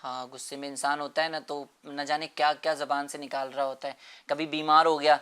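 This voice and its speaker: A man's voice: a little high, little pitch movement, sharp tone, clean tone. A man explaining a moral lesson to children in an earnest way, repeating phrases and often checking with "right?".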